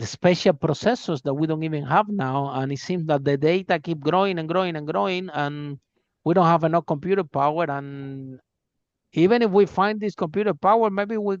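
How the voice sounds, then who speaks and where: Here a male podcast host, not a native English speaker, keeps a casual interview chat going with enthusiasm, stumbling through plenty of fillers and restarts. His fairly high voice sounds gravelly, clear and resonant, recorded without room sound but with the highs cut off.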